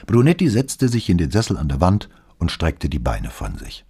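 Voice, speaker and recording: A man reading a novel aloud as audiobook narrator, with expressive storytelling delivery. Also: sits low, moderate pace, breathy edge. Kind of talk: scripted narration.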